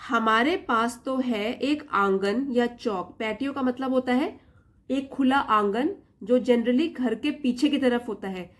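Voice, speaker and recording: A woman with an Indian accent who teaches English. She reads English sentences slowly, word by word, then explains them in Hindi. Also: sits high. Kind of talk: Hindi-medium English reading lesson.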